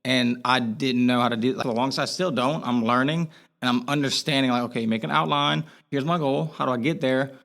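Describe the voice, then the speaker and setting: A young man with a Boston accent, a guest on a casual podcast. He speaks candidly in a mid-pitched voice, stopping and restarting his sentences as he thinks. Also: creaky, a bit bright. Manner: candid, halting, many restarts.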